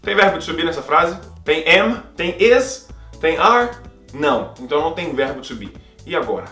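A man with a Brazilian Portuguese accent explains grammar as a video teacher, upbeat and playful. His voice sits a little high. He speaks in an echoey room, with faint music under him. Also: moderate pace. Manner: playful, lively, asks and answers his own questions. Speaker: English teacher. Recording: roomy echo, faint music.

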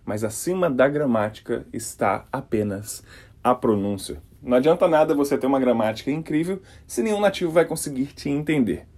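Gravelly-voiced man from Brasília teaching. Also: medium pitch, brisk. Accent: Brasília Portuguese. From Brasília, Brazil. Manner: energetic, demonstrative, exaggerates sounds. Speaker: English teacher. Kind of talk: podcast pronunciation lesson.

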